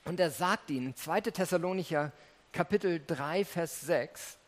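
A man's voice: fairly high pitch, a little slow. A man preaching a sermon in a conversational way, speaking directly to his listeners and reading scripture aloud.

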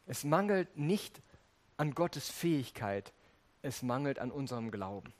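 A man's voice: mid-range voice, very animated, measured pace, darkish tone. A man preaching a sermon, reading scripture and earnestly speaking straight to his listeners. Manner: earnest, addresses listeners directly.

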